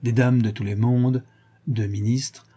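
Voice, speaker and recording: A man narrating a classic novel in a measured storytelling manner. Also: medium pitch, fairly even intonation, warm tone, slightly rough. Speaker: audiobook narrator.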